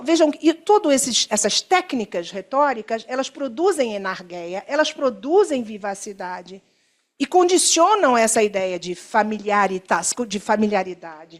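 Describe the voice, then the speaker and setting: A Brazilian Portuguese-accented woman giving an academic workshop talk, wandering through fillers and self-corrections and checking in with the audience, slowing down to stress key terms. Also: medium pitch. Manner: discursive, many fillers and self-corrections, asks listeners "né?". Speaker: academic speaker. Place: lecture room.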